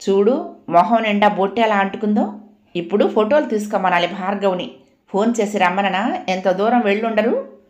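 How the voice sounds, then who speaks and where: A woman voicing a sharp-tongued young married woman who teases with sarcasm, in an echoey room. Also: mid-range voice, moderate pace, lightly acted. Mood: mocking. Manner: sarcastic, teasing. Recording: roomy echoey home recording.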